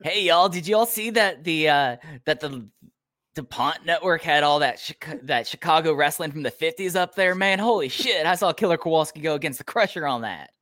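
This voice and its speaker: A man doing a folksy, excitable old-school wrestling fan with a thick Appalachian drawl. He gushes in a raised, lively voice. The sound is close and dry. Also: on the high side, moderate pace, dry recording, voice pushed up. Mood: excited.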